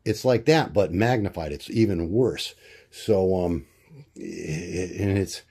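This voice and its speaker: Halting man rambling to his camera. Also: dark tone, breathy edge. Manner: halting, many fillers and restarts, loses his words; acts out quoted voices in a much higher pitch. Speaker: vlogger. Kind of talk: rambling personal video diary.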